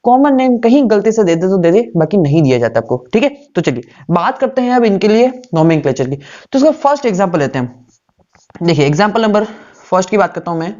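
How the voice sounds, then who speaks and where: A man's voice: high-pitched, sing-song, a little fast, darkish tone. Guy teaching a class, keeps asking then answering his own questions, kinda muffled lo-fi audio. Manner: poses questions and answers them himself, repeating key terms. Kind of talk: classroom lecture.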